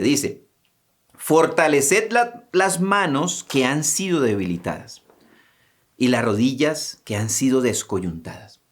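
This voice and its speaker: A man preaching a sermon as pastor. He asks rhetorical questions, checks in with short "mm?" and "right?" tags, and breaks into dramatic raised cries when he acts out pleas. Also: fairly low pitch.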